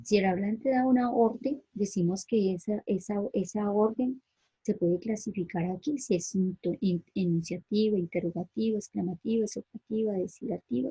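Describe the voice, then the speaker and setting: A woman's voice: medium pitch, dark tone, breathy edge, no echo, poor audio. A woman teacher explains grammar in a patient online lesson, often checking with "¿sí?".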